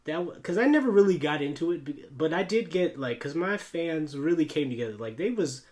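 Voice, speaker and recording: A man's voice: a little high, animated, fairly quick, a little mellow. An American man chatting casually and telling personal stories in a rambling, slangy way, peppered with like, dude and bro. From United States. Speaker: YouTuber, podcast host. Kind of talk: casual chat, personal storytelling.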